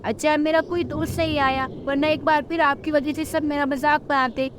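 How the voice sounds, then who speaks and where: A woman narrator plays a spoiled, sulky little girl bird from a cartoon story, her very high, childish whine insisting on getting her way. The voice stays natural with little pitch movement at normal speed, and there's slight background noise.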